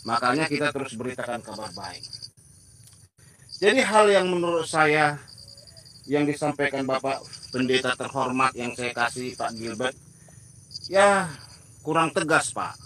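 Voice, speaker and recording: A man's voice: mid-range voice, lively intonation, measured pace, pauses often, pushed and bright. A male evangelist giving emphatic preaching commentary, often turning to his listeners as brothers and acting out mocking dialogues.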